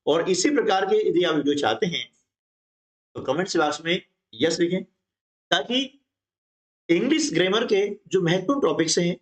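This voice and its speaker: Man, grammar teacher, fairly high voice, explanatory, checks in often. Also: expressive, moderate pace, long pauses. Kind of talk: exam-prep grammar lesson.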